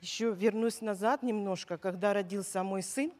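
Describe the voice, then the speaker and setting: A woman from Ukraine telling a personal church testimony in short, halting phrases with many hesitations, pausing for an interpreter. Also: medium pitch, darkish tone. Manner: hesitant, many filler sounds. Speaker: church member giving a testimony.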